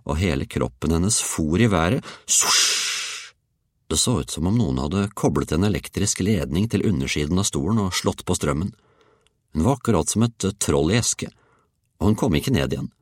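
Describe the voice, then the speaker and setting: A man reading a children's story aloud, with an expressive, playful delivery. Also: sits low, no echo, clean studio sound. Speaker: audiobook reader. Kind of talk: storybook narration.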